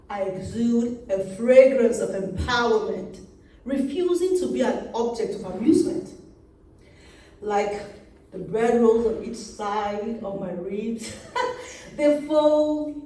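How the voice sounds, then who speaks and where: A woman in her forties with a Yoruba accent, a native Yoruba speaker, reading her poems in a slow, measured way. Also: fairly high pitch, warm tone. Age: 40s. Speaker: poet. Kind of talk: poetry reading. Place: reading event hall. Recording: very echoey room, mic far off.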